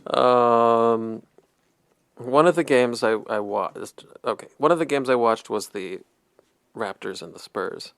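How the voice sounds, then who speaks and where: A man's voice: mid-range voice, slow, creaky, clean tone, no room sound. A man co-hosting a sports podcast, chatting casually, rambling and chuckling at his own stat jokes. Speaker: podcast co-host.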